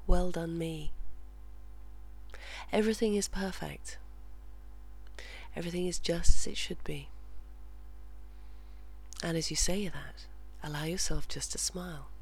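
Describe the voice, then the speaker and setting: A person softly delivering guided relaxation and verse in a soothing, measured way, slipping in and out of a whisper. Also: mid-range voice. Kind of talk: slow guided relaxation and soft poetry reading, often whispered. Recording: clearly audible hum and background noise.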